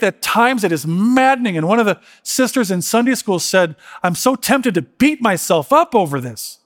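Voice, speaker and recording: A middle-aged man preaching a sermon as pastor, earnest and emotional, often restarting his words. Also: high-pitched.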